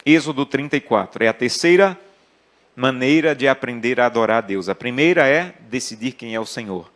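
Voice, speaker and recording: A man's voice: mid-range voice, animated, brisk, a bit bright. A man preaching an earnest sermon and telling personal family stories. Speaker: pastor.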